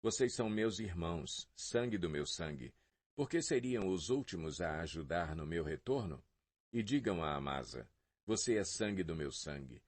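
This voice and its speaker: A man's voice: deep voice, animated, moderate pace. A man reading the lines of a grieving old king, a father crying out in anguish, in a Bible audio reading. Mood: urgent. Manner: mournful crying out.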